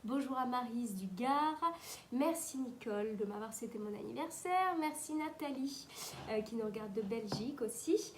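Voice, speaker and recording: A woman's voice: fairly high pitch, animated, normal speed, slight background noise. A woman hosting a live cooking stream, chatty and upbeat, greeting viewers and reading their comments as she works. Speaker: cooking host. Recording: echoey kitchen with clattering utensils.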